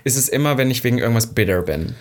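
Quick wry man chatting casually. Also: mid-range voice, animated. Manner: laid-back, wry, drops English words. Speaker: podcast co-host. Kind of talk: casual chat.

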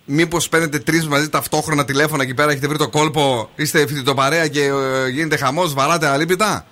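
A man hosting a lively radio call-in game in a studio, playful and teasing, dropping in English phrases. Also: a little high. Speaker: radio host. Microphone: studio microphone.

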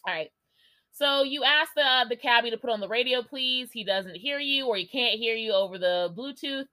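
A young woman hosting, reading a gamebook aloud with lively delivery and swearing, joking asides. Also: on the high side, fairly quick, rough recording. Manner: lively, swears and jokes between passages. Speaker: host.

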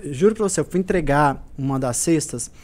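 A man's voice: a little high, expressive, brisk, a little mellow. A man, a musician guest telling stories earnestly in a casual podcast chat. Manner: earnest, repetitive storytelling.

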